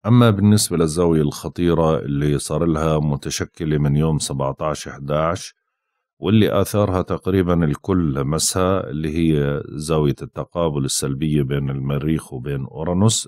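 A man delivers a daily astrology forecast, sounding weary and unwell as he speaks slowly and haltingly, often stretching out "uh" pauses. His voice is a deep rumble, slightly mellow, with no echo. He seems to be indoors, and street noise may be drifting in from outside.

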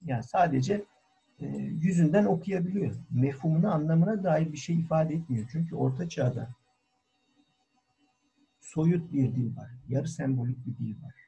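A man who is a cultural historian giving a formal online talk, deliberate and full of hesitant fillers, heard over call audio. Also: fairly high pitch, creaky, dark tone, breathy edge, muffled recording. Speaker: guest lecturer, cultural historian. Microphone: video call.

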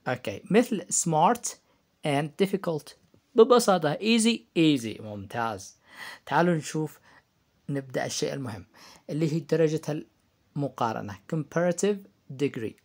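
A man's voice: a little high, very animated, normal speed, long pauses, a little mellow. Man teaching English grammar. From Yemen. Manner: asks the class questions and answers them himself; repeats key terms for emphasis. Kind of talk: grammar lesson for high-school students.

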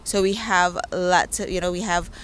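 A woman's voice: fairly low pitch, steady tone, normal speed, a bit bright, rough recording. Woman interviewed outdoors, faint background noise. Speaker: marine reserve manager being interviewed. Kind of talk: on-camera interview, explanatory. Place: outdoors by open water. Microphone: handheld interview microphone.

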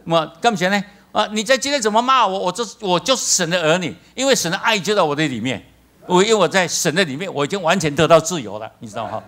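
A male pastor with a Taiwanese accent preaching a sermon, telling stories with lively acted-out voices. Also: high voice, quick pace. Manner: animated storytelling, acts out voices, laughs.

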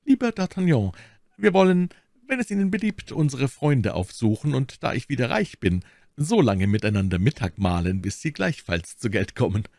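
Man voicing a dreamy, lovestruck young swordsman, lifted and lively, close and dry. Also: moderate pace, creaky, dry recording. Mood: genial. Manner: gushing, high and passionate. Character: young rapturous lovesick musketeer.

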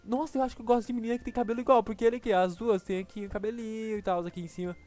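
A man with a Brazilian accent giving excited, exclaiming gameplay commentary as a gaming YouTuber. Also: high voice, racing, faint music behind. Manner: excitable, exclaiming, laughs often.

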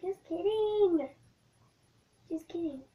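High-voiced young girl counting down. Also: animated, slow pace, phone-quality sound. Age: child. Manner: giggly, counting down playfully. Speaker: vlogger. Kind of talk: casual jelly bean challenge chat.

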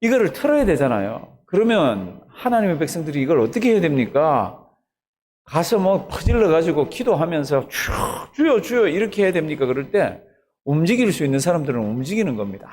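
A man's voice: fairly high pitch, a little mellow. A man, a pastor, preaching an early morning sermon, retelling the story animatedly and asking the congregation questions.

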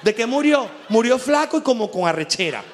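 A man with a Venezuelan accent doing an animated, crude stand-up comedy monologue, acting out little voices as he goes. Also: very high voice, brisk, background noise. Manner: animated, crude, laughs often, acts out voices. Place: live show venue.

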